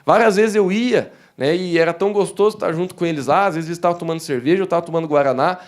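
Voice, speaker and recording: A young Brazilian man with a southern Brazilian accent, preaching a sermon in a church in a warm, conversational way, often calling the congregation "dear ones" and acting out the voices in his stories. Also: high-pitched, racing. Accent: southern Brazilian Portuguese. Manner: animated storytelling that acts out quoted voices. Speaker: pastor. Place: church hall.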